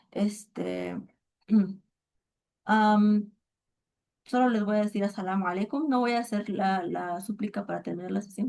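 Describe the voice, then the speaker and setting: A woman's voice: medium pitch, gravelly, a little mellow. A woman teaching a casual online lesson on the Quran and Arabic, thinking aloud and often checking in with her listeners.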